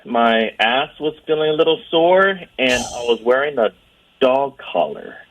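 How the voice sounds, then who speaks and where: A man's voice: mid-range voice, animated, unhurried. A man talking on a phone call, hesitant and sheepish as he explains himself. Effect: heard over a phone line. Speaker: caller on the phone. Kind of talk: casual phone chat. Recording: muffled phone call audio.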